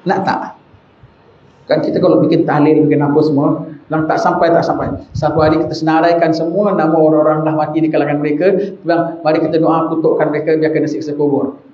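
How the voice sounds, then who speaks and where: Male Malaysian Malay preacher, animated sermon delivery, muffled recording with faint hiss. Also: on the high side, fast talker, roomy sound. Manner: animated, mock-arguing in a rising, incredulous voice. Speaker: religious teacher.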